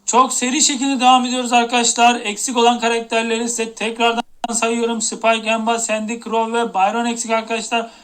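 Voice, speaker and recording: A man streaming a game live, talking in an excited, repetitive countdown style. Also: very high voice, brisk, hardly any pauses, smooth. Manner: repetitive, hyped countdown talk.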